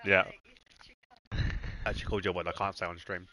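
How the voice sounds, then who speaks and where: A man's voice: sits low, little pitch movement, a little fast, bright, forceful tone, low-quality recording. A man streaming a racing game, chatting casually and swearing freely while he eats. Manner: laid-back, swears freely, talks to his dog and chat.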